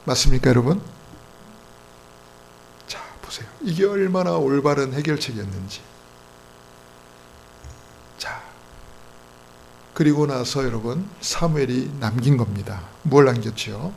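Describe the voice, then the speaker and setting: A man preaching a Sunday sermon as pastor, emphatic, swinging between loud exhortation and quiet asides. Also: medium pitch, expressive, measured pace, creaky, long pauses, a little hiss or hum, low-quality recording. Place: church sanctuary.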